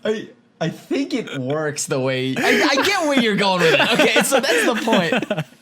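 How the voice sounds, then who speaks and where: Lively, laughing male podcast co-host. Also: sits high, measured pace, slightly rough. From California. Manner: animated, laughs often, many restarts. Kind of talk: casual podcast chat.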